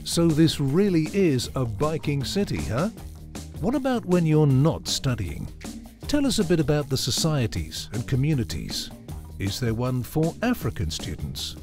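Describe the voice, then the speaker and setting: A woman interviewer asking scripted questions in voice-over with a bright manner. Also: sits low, measured pace. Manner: bright, very lively intonation. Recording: background music under the voice.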